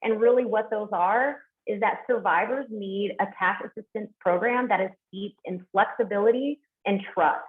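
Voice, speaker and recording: A woman's voice: medium pitch, normal speed, few pauses. A woman presenting steps in a webinar, earnest, with frequent fillers and restarts. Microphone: video call. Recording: tinny phone-like call audio.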